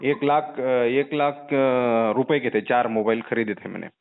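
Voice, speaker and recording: A journalist calls a call centre to complain, insistent and indignant, firing repeated pointed questions. His mid-range voice is steady and a little slow. The recording is a muffled, narrow-band phone call.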